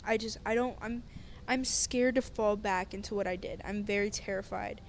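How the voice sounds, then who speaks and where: A woman's voice: medium pitch, steady tone, moderate pace, slight background noise. A woman talking earnestly and hesitantly in a casual podcast chat, often searching for her words.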